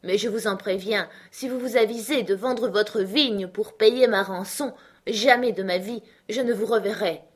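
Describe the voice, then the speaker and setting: A woman's voice: medium pitch, normal speed, slightly rough, close to an everyday voice. A woman voicing a proud, stubborn young uncle held in jail, in an emphatic, protesting manner. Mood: agitated.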